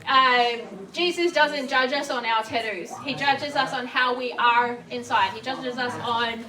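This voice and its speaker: A woman with a New Zealand accent gives an informal sermon, sounding nervous and hesitant, with halting false starts. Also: sits high, steady tone, crowd noise. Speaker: preacher. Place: echoey indoor room before a gathering. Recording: distant microphone, echoey room, faint noise.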